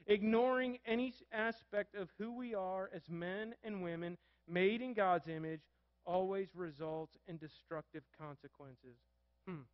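A man's voice: sits high, no room sound, highs cut off. A man preaching a sermon as a pastor, asking the congregation questions and reading scripture aloud.

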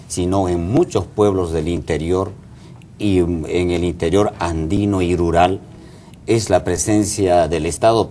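A man's voice: sits low, dark tone, slight background noise. A middle-aged man from Peru, a mayor being interviewed in a TV studio, speaking earnestly with frequent hesitations. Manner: earnest, many hesitation fillers. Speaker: mayor and guest. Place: TV news studio.

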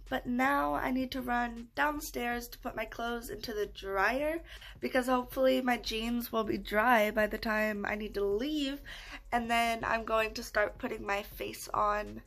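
Holding her phone at arm's length in her small bedroom at home, a young woman chats for her vlog, rambling and poking fun at herself. Her voice is fairly high in pitch and fairly bright.

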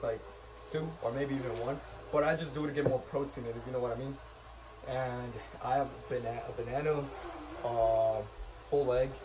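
A young man chats casually as he demonstrates something for his vlog in a home kitchen. His voice sits at an average male pitch. Clear household noise runs behind him. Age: young adult. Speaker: vlogger. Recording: noisy kitchen, vacuum running.

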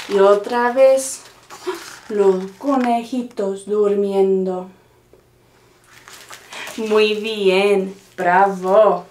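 A woman librarian reading a picture book to young children during story time, talking slowly and gently and coaxing them to hush and count along. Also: fairly high pitch. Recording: roomy echo.

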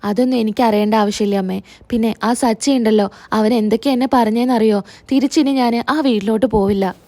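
A woman's voice: on the high side, steady tone, brisk, warm tone, close to an everyday voice. A woman reading as a tearful betrayed young wife. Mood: upset. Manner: tearful, bitter complaining.

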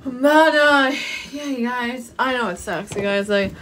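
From a small room, a young woman vlogs into a phone she's propped up nearby, her unhurried voice a little high and a bit bright even with a sore throat. Her talk rambles, loops back on itself, and is full of fillers. The recording is rough.

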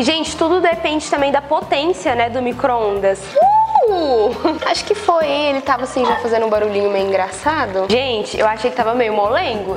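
A young woman from Brazil with a high, bright voice talks viewers through a recipe in a playful, chatty way. She is recorded in a small home kitchen with music running behind her. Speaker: cooking vlogger. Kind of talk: casual cooking tutorial. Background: background music.

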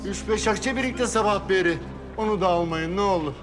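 A man's voice: sits high, fairly quick, over music, close to an everyday voice. An actor playing a meek, pleading coffeehouse keeper in an Ottoman period drama.

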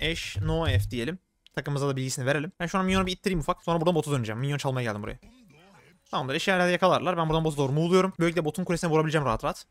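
Rapid-fire man narrating his gameplay. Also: on the high side, a bit bright, dry recording. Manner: chatty, thinks aloud, flares up in frustration. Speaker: gaming streamer. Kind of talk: live gameplay commentary.

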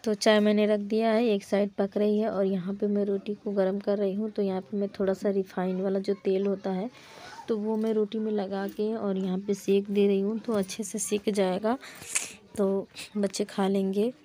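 A woman's voice: medium pitch, flat delivery, normal speed, warm tone, a little hiss or hum. A young mother chatting plainly through her cooking vlog at home, often starting lines with "to" as a filler. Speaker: mother vlogging her household day. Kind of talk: casual cooking vlog narration. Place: small home kitchen.

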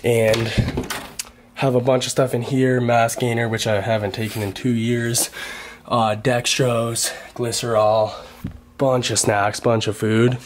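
A young fitness vlogger shows viewers around his house and talks about his workouts, rambling in a laid-back way with lots of "like." His medium-pitched voice is flat and a little slow over a noisy background. Filming is handheld through the house and car on a handheld camera, with a voice-over mic later on.

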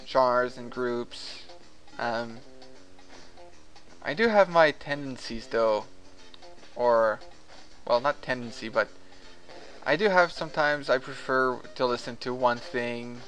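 Medium in pitch and a little bright, this man's voice comes through poor audio. He's a gaming vlogger, a native French speaker, offering casual, rambling, hesitant commentary with plenty of fillers as he plays.

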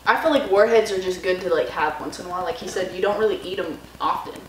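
A woman's voice: lowish voice, quick pace. A young adult woman chatting casually while eating sour candy in a taste test. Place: home living room, indoors. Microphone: camera a few feet away. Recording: echoey room, distant mic, faint noise.

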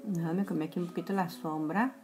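A woman's voice: lowish voice, fairly even intonation, fast talker, over music. A woman in her forties with a Mexican accent, chatting through a live makeup tutorial from a small room, talking straight to her viewers. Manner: chatty, addresses viewers as girls, trails into whispers while applying makeup. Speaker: makeup vlogger. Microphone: phone or webcam at close range.

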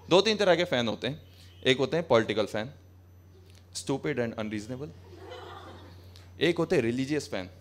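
Young man doing sarcastic stand-up. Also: medium pitch. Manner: conversational, sarcastic, switching between Hindi and English. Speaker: stand-up comedian. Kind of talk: stand-up comedy set. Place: small cafe stage with brick wall, live audience. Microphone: handheld mic.

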